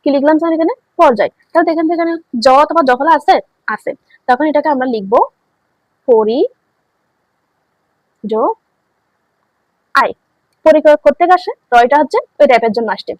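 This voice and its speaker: A woman's voice: high voice, fast, no echo, low-quality recording. A woman teaching a grammar lesson, asking questions and answering them herself, repeating key words. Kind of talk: online classroom lesson.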